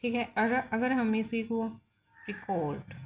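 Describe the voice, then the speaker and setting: A woman teacher with an Indian English accent walks through a linguistics lesson, switching easily between Hindi and English. Her voice sits at an ordinary middle pitch. She explains each point patiently and keeps asking whether the class is following. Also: measured pace, a little mellow. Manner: explains step by step, checking in with "ठीक है ना". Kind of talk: bilingual exam-prep lecture.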